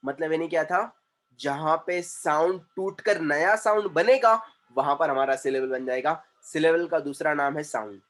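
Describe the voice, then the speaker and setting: A man, a communication trainer teaching an online class, drawing out syllables slowly and quizzing his students. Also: a little high, a bit bright.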